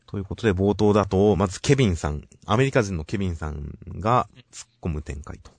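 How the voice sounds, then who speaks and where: A man's voice: sits low, no room sound. A man co-hosting a casual talk show, politely and steadily summarizing manga chapters and giving his views. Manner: measured, polite, summarizing plot. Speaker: podcast co-host reviewing manga. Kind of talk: casual chat.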